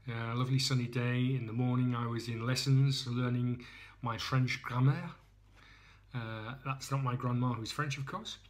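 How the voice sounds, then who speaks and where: A man's voice: medium pitch, fairly even intonation, normal speed. An Englishman chatting casually through a beer tasting, rambling and poking fun at himself, recorded as a handheld phone video indoors. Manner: chatty, rambling, self-mocking. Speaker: beer reviewer.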